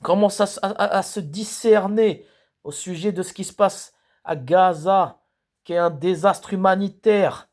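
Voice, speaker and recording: A man delivering a spoken protest rap in a halting, freestyle way, often restarting words and hitting rhetorical questions hard. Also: sits high, a little mellow. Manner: slow, declaiming delivery with emphatic rhetorical questions. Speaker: rapper.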